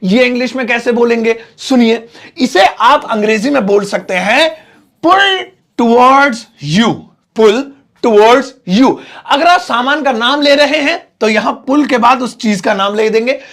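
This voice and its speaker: A man with an Indian accent teaching English phrases in Hindi, chatty, often repeating each phrase slowly word by word. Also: extremely high pitch, a bit bright. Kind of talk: Hindi-medium English lesson.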